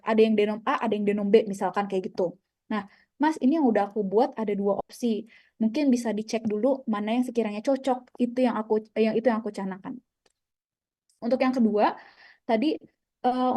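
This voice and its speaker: A young woman with a somewhat high, mellow voice talks through a casual coaching session. She is chatty, drops English phrases into her sentences and leans on everyday fillers as she explains. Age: young adult.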